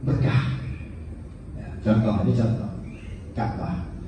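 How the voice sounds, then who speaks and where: A man with an Indonesian accent preaching a sermon in a prayer hall, telling stories with big swings between high and low. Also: takes it slowly, distant mic, noisy background. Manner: animated storytelling, pitch swinging high and low. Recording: echoey hall, heard from afar.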